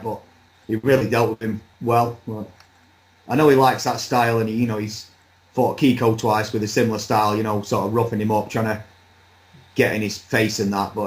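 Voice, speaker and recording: A man chatting casually as a pundit, relaxed and rambling, with a light laugh now and then. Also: fairly low pitch, brisk, poor audio. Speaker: boxing pundit. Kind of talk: casual chat.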